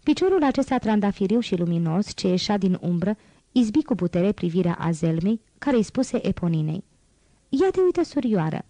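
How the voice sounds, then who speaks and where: A woman narrating an audiobook in a steady, expressive literary reading style. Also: mid-range voice, dry recording, poor audio.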